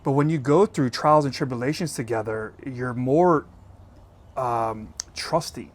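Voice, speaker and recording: Male guest, mid-pitched, earnest, halting, restarts sentences, casual chat. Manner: earnest, halting, self-correcting. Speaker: podcast guest, retreat organizer.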